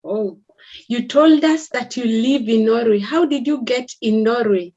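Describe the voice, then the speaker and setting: A woman's voice: a little high, unhurried, mellow, lo-fi sound. A woman hosting an interview show, upbeat and talking straight to her viewers. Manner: upbeat, addresses viewers directly. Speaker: host. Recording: echoey room.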